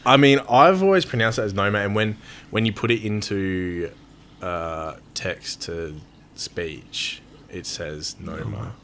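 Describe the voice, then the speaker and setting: A man's voice: lowish voice, slow, slight background noise. A man, a band member guest, talking casually and hesitantly with many fillers. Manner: relaxed, hesitant storytelling with fillers. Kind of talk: casual interview chat.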